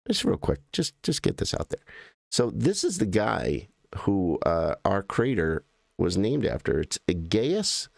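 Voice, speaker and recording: An American man hosting a casual livestream, thinking aloud and stumbling over his own words as he clicks through pictures. His voice sits low and gravelly, swinging up and down in lively pitch. The sound is dry and close, with no room around it. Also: a little slow, no echo. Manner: rambling, self-correcting, thinking aloud while clicking through images. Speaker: livestream host.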